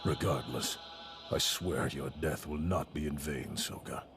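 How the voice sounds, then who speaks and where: A very deep, solemn warrior. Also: male voice, a little slow, over music. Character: solemn, grave warrior vowing over a death. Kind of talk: anime dub acting.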